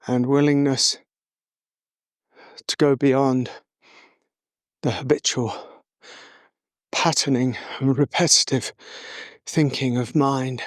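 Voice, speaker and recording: A man walking through the hills outdoors, a little out of breath, reflecting slowly with many pauses as a spiritual teacher. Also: mid-range voice, fairly even intonation, no echo, clean studio sound. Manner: slow, reflective, pausing often. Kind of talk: walk-and-talk reflection.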